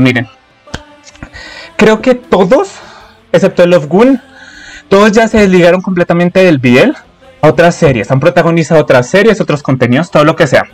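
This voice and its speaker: A man with a Colombian accent hosting a reaction video, talking excitedly and exclaiming at his viewers. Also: high voice. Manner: animated, exclamatory, chatty with viewers.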